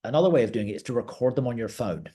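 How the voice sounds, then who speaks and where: A man's voice: medium pitch, animated, racing, dark tone, breathy edge. A middle-aged man, a garden director, giving a conversational educational talk to gardeners, plain-spoken with occasional restarts. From outside the United States. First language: English.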